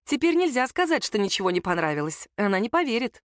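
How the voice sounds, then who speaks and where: A woman narrating an audiobook in a wry, expressive storytelling manner. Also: fairly high pitch, fast talker, dry recording, studio quality. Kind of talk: scripted narration.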